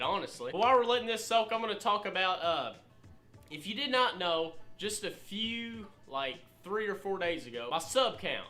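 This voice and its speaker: A man hosting a sponsored product video, talking loudly and crudely with lots of swearing. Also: sits high. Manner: loud, brash and crude, swearing and shouting. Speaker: YouTuber reviewing spit jugs.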